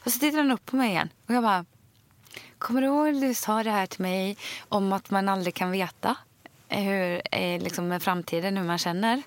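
A Swedish woman co-hosting a podcast, telling a story in a lively, chatty way and acting out what each person said. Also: medium pitch, no room sound. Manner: animated storyteller, acts out both sides of dialogue. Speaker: podcast co-host. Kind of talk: casual chat.

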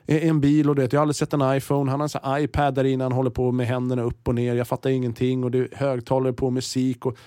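A man's voice: mid-range voice, few pauses, dry recording. Man in his 40s telling wild stories in an interview, swears a lot, trips over his words, dry close mic. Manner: lively storyteller, swears freely, frequent restarts. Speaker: TV host and interviewee. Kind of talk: casual interview chat.

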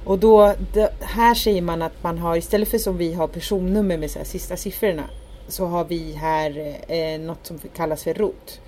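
A woman from Sweden, co-hosting a podcast in casual chat, telling stories with acted-out dialogue. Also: lowish voice. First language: Spanish. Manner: animated storytelling, acts out quoted dialogue. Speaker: podcast co-host. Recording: faint background noise.

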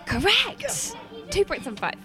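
A woman's voice: very high-pitched, huge pitch swings, a little slow, over music. A woman co-hosting a casual podcast in a pub, playfully running a quiz and teasing her friend. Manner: playful, giggly, teasing quizmaster. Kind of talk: casual chat.

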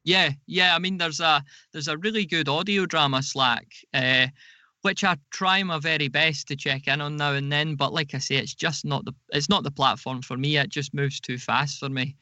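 Appearing as a podcast guest in an interview, a man explains things conversationally, frequently repeating words and correcting himself. His voice is a little high and sharp in tone, with fairly even intonation, normal speed, and no echo.

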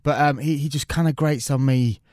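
A man's voice: mid-range voice, fairly even intonation, a little fast, a little mellow, no room sound, studio quality. A man co-hosting a casual podcast, laughing and mocking himself as he rambles. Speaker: podcast co-host.

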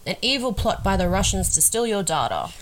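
A woman's voice: mid-range voice, big pitch swings, a little fast, slight background noise, rough recording. A woman, chatting casually as a podcast co-host. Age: 20s. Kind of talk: casual chat.

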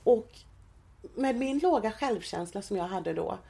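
A woman in her thirties, a guest in an interview, talking in a hesitant, halting way with many restarts. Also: medium pitch, lively intonation, creaky, mellow. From Sweden. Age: 30s. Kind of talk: personal interview.

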